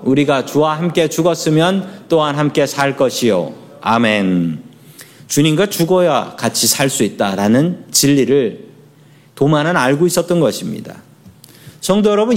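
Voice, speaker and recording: A middle-aged man preaching a sermon as pastor, leading the congregation in responses and telling light anecdotes. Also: on the high side. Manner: leads congregation in responses, tells humorous anecdotes.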